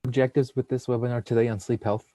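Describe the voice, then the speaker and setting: A man's voice: medium pitch, fast talker, no room sound. A young man, a nursing student, hosting a webinar and steadily reading out a prepared script over a computer mic. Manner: steady, reads long lists of names and titles. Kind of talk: read webinar presentation.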